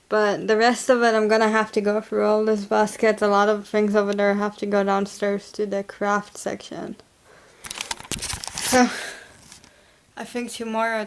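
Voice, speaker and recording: A woman's voice: mid-range voice, a little hiss or hum. A young woman vlogging casually at home, chatty and rambling, often correcting herself. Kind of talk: casual home vlog chat.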